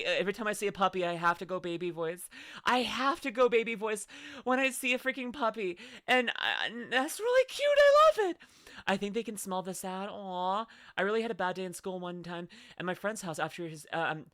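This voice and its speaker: In studio-quality, dry audio, a young streamer reacts to videos from home. Her mid-range voice has a fairly bright tone. She chats casually, gushes a lot, and restarts her sentences many times.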